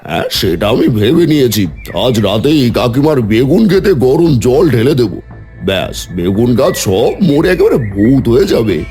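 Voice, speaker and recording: A man's voice: mid-range voice, big pitch swings, moderate pace, mellow, soft background music, close to an everyday voice. A man voicing a sly, scheming village friend in a cartoon, teasing and roundabout in how he talks.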